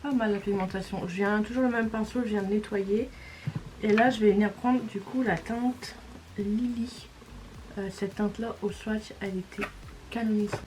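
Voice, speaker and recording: A woman talks through her eye makeup in a relaxed, chatty way, naming each step as she goes. Her voice is mid-pitched. The recording has clearly audible background noise. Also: normal speed. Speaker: beauty vlogger. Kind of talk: makeup tutorial voice-over.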